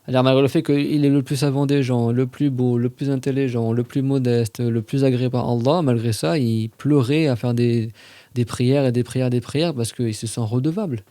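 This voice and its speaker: A man giving a casual religious lesson on a podcast, talking conversationally and reciting Arabic verses slowly and carefully. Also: medium pitch, fairly even intonation, dark tone, no echo.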